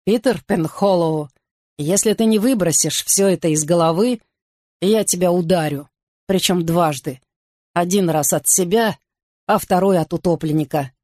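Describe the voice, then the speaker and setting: A woman's voice: lowish voice, moderate pace, darkish tone, dry recording, close to an everyday voice. A woman reading the part of a dry, impatient, level-headed man with a sarcastic, weary tone.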